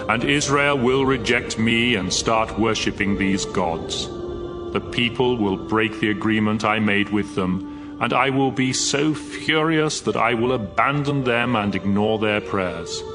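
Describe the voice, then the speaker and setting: An actor playing God as a solemn, wrathful, commanding deity making authoritative pronouncements in a dramatized scripture reading. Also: male voice, medium pitch, close to an everyday voice.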